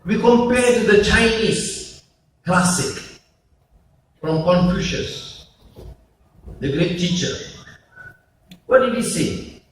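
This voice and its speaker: A man gives a slow, emphatic conference speech full of pauses. His voice carries through a very reverberant hall and is caught from a distance. A faint hum of noise runs under it. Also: high voice. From Malaysia. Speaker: conference speaker, politician. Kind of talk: public speech.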